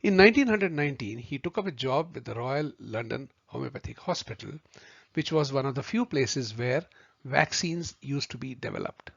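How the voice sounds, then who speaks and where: A man teaching a video lesson, speaking deliberately and addressing viewers as friends. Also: medium pitch, animated, gravelly, no echo. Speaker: homeopathy tutor. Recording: dry, slightly muffled recording.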